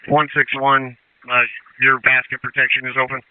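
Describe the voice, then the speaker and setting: An American fire incident commander gives terse procedural orders in fireground dispatch traffic over a tinny, narrowband two-way radio. His medium-pitched voice is completely flat and at normal speed, with no room sound.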